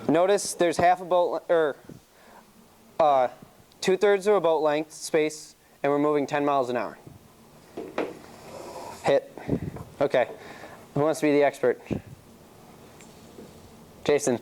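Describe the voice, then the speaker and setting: A man's voice: fairly high pitch, unhurried, long pauses, noisy background. A young man giving a casual classroom chalk-talk on sailing rules, telling stories from his own races and laughing easily. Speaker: sailing team presenter.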